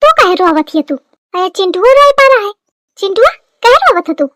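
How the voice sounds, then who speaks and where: A woman's voice: extremely high pitch, very animated, moderate pace, fairly bright tone, dry recording, studio quality, heavily acted. Woman putting on a scolding village mother-in-law. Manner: scolding, nagging.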